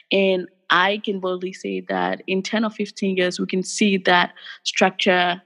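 A woman's voice: fairly low pitch, fairly bright tone. Earnest woman guest in a reverberant room. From Ghana. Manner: thoughtful, earnest, with frequent fillers. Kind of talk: interview conversation.

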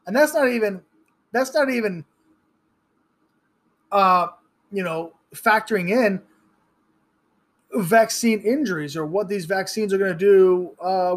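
A man in his thirties hosts a solo podcast in a blunt, profane rant. His voice sits slightly high for a man, and he often restarts his sentences as he pushes his points. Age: 30s. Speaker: podcast host. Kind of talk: ranting solo podcast commentary.

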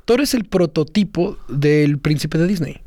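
High-voiced joking Mexican man. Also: animated, a little slow, warm tone, dry recording, clean studio sound. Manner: joking, profane, laughs often. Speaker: podcast co-host. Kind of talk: casual chat.

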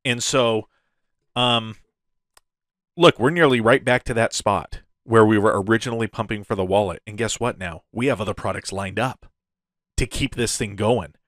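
A man's voice: on the low side, normal speed, fairly bright tone, no room sound, clean studio sound. A man hosting a casual crypto update in the gushing, hyped-up manner of a crypto bro, often chuckling as he talks. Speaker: crypto video host.

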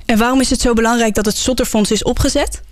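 A woman presenter introduces the topic and interviews a guest, her questions clear and curious. Her voice sits a little high. The sound is dry and close, with no room around it. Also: steady tone, fast talker, dry recording. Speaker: host.

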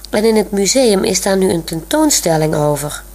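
A woman's voice: medium pitch, animated, normal speed, a little mellow. A woman doing a shy, smitten young man. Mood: eager. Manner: hesitant, eager.

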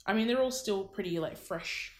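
A woman's voice: mid-range voice, normal speed. A young adult woman co-hosting a podcast in casual chat, blunt and swearing freely, often trailing off with fillers. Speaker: podcast co-host.

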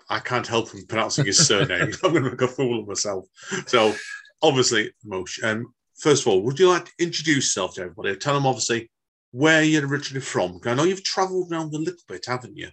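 A man's voice: medium pitch, lively intonation, quick pace, a bit bright, breathy edge. A man from England hosting a podcast, chatting casually and rambling with many fillers and restarts. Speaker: podcast host.

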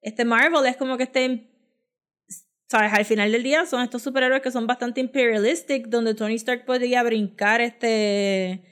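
Higher-voiced Puerto Rican woman, code-switching. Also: steady tone, normal speed, fairly bright tone. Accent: Puerto Rican Spanish. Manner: frequently switches between Spanish and English. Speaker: podcast co-host. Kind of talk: casual opinionated discussion.

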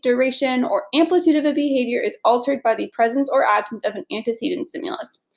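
A woman's voice: a little high, creaky. A young woman with a stuffy, nasal voice hosting an upbeat, chatty study podcast lesson. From Atlanta, US South. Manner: upbeat and chatty, laughs easily. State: stuffy, congested. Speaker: podcast host.

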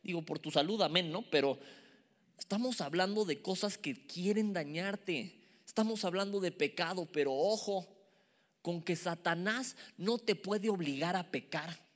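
A man delivers a sermon to young listeners, emphatic and lively, now and then sinking into a hushed whisper. His voice sits a little high, and it rings with the long reverb of a large hall. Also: unhurried. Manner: animated, emphatic, drops to a whisper for asides. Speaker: youth preacher.

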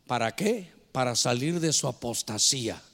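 A man's voice: medium pitch, animated, moderate pace, a bit bright, long reverb tail. A man preaching a sermon as pastor in a church. He speaks fervently and keeps addressing the congregation as brother. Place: church hall.

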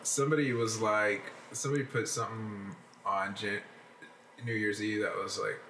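A man's voice: lowish voice, level tone, moderate pace, pushed and bright. A man co-hosting a casual podcast, telling profane stories and laughing as he talks. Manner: profane storytelling, laughs mid-sentence. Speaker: podcast co-host. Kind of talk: casual group banter. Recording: echoey room with faint noise.

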